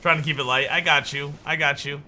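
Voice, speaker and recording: A young man streaming a game, chatting casually and joking in a rambling way with sudden excited yelps. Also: on the high side, fairly quick, a little hiss or hum. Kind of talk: casual chat while gaming.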